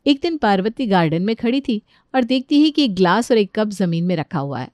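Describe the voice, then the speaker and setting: Woman narrator, calm storybook read, dry close sound. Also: mid-range voice, a little fast, dry recording. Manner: even, storytelling delivery.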